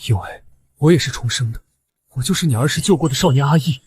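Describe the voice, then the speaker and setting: A man's voice: mid-range voice, quick pace, slightly rough. A man playing a regretful reborn young man who was once emperor, speaking in a confessional, mournful way.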